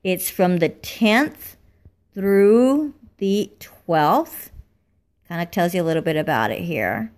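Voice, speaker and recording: A woman hosting a casual livestream from home, her voice slightly raspy as she is losing it, chatting with fillers. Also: fairly low pitch, lively intonation, slow, a little mellow. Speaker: livestream host. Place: home, indoors.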